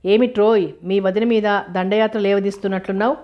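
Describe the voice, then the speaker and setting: A woman reading the lines of a calm, joking elder brother in a storybook. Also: medium pitch, a little fast, highs cut off, lightly acted.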